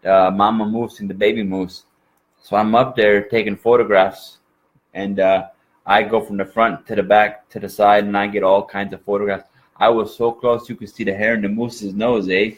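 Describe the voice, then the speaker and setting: A man's voice: lowish voice, level tone, normal speed, poor audio. A man from Minnesota with an exaggerated Minnesota accent, chatting as an interview guest in a folksy, rambling way. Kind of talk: casual interview chat.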